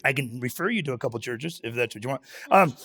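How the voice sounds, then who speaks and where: A man's voice: mid-range voice, animated, fast talker, a bit bright, husky. A man preaching a sermon as pastor, talking in a conversational, self-deprecating way with restarts and asides.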